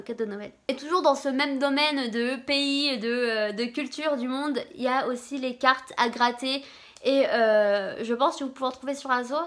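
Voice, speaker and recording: A woman's voice: high voice, a bit bright. A young woman vlogging casually about gift ideas, chatty, with many fillers and restarts. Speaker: YouTuber.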